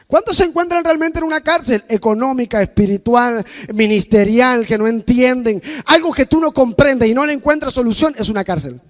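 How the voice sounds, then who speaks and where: A man preaching a sermon, telling personal stories to the congregation and swinging between loud outbursts and quiet asides. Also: very high voice. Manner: personal storytelling addressed to the congregation.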